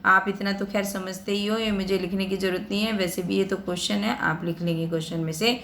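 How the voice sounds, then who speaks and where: A woman's voice: mid-range voice, fairly even intonation, brisk, a bit bright, a little hiss or hum. Hindi teacher woman explaining grammar. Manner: patient, addresses students directly, repeats points. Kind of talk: explaining a worksheet lesson.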